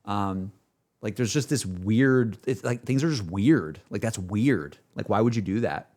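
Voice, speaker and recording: In a low, darkish voice at a measured pace, a man reacts to game music on a livestream. His talk rambles, packed with "like" and "dude," with the easygoing feel of friends hanging out.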